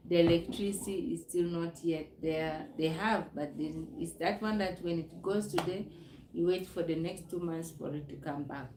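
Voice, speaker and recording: A woman's voice: fairly low pitch, moderate pace, reverberant, noisy background. A woman from Uganda, chatting casually on her live stream, rambling and repeating herself. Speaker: livestream host. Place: noisy home with kids nearby.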